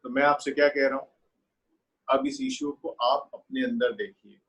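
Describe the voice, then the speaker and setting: A man giving an earnest webinar lecture on raising children, asking rhetorical questions with impassioned swings between raised and hushed delivery. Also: mid-range voice, very animated, moderate pace, creaky, low-quality recording. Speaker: webinar speaker on parenting. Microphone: webinar call audio.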